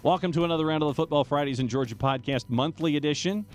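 A man co-hosting a casual high school football podcast, talking in a rambling way with restarts and fillers. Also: fast, over loud music. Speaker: podcast co-host. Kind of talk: casual sports podcast chat.

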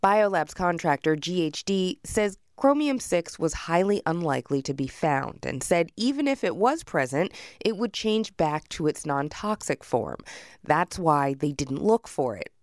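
An American woman narrates a scripted radio news report. Her pitch is on the low side and the sound is dry, with no room on it. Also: sing-song, measured pace, darkish tone, no echo.

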